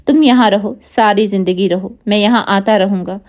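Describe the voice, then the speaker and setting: A vengeful, cold-hearted man speaks in a menacing way, read by a woman narrator. The voice stays close to her own, with a mid-range pitch. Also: darkish tone, close to an everyday voice.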